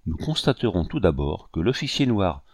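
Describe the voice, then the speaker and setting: A man reading a historical novel aloud in measured, even narration. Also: deep voice, no room sound, studio quality. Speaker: audiobook reader. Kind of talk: scripted narration.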